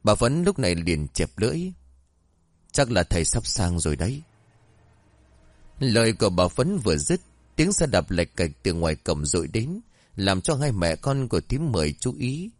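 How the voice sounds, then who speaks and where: A man narrating a serialized story in an expressive, dramatic way. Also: lowish voice, normal speed, no room sound.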